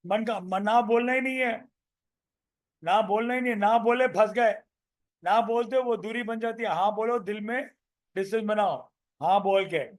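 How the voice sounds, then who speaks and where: High-voiced man coaching sales. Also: normal speed. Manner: energetic, repeats phrases, role-plays sales calls. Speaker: business coach. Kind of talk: live online training session. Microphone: video call.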